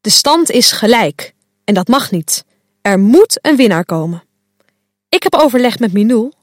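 Lady doing a low bossy witch ref, slow and firm, announcing stuff. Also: big pitch swings, no room sound, studio quality. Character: bossy witch referee girl.

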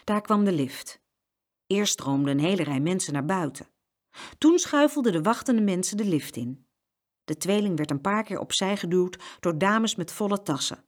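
A woman reading a children's story aloud with a very lively, animated melody. She gives the sound effects an expressive, playful reading. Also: on the low side, normal speed.

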